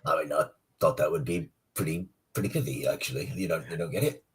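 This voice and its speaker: A man playing in a live tabletop game, cracking wry, deadpan jokes. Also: a bass voice, quick pace, slightly rough. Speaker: player.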